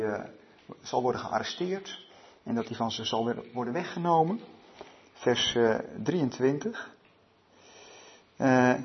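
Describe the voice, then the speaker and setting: A man leading a Bible study evening, reading scripture aloud and talking it over with many hesitant fillers and restarts. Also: mid-range voice. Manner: reads scripture aloud in a measured tone. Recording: dull lo-fi recording.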